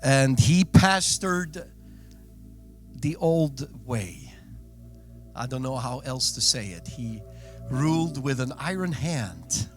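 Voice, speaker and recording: A man's voice: medium pitch, expressive, slow pace, pauses often, faint music behind. A man in his thirties from Belgium, a native Dutch speaker with a Belgian accent, preaching an earnest sermon as a guest pastor. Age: 30s. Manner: earnest preaching, warm asides to the congregation. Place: church sanctuary.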